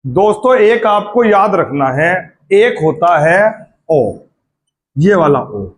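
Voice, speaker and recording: A man teaching grammar for exams, drilling vowel sounds and checking often whether his students have understood. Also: sits high. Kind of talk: exam-prep Hindi grammar lesson.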